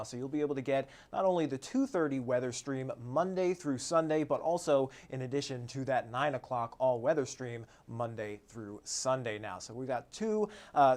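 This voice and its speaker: A male meteorologist giving a live-streamed weather forecast in a relaxed, conversational way, with frequent "uh" fillers. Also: medium pitch.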